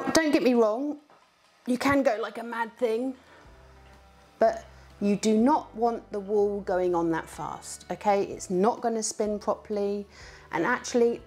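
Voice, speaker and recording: A woman's voice: medium pitch, darkish tone. Chatty woman teaching spinning at the wheel. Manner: chatty, rhythmic counting, encouraging. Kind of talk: casual how-to demonstration.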